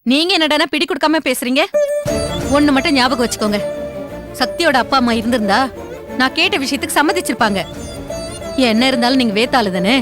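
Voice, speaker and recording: An actress playing a blunt, demanding in-law mother who speaks coldly and accusingly in a TV serial. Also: high voice. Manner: cold and accusing. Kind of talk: TV serial acting. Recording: TV soundtrack with music underneath.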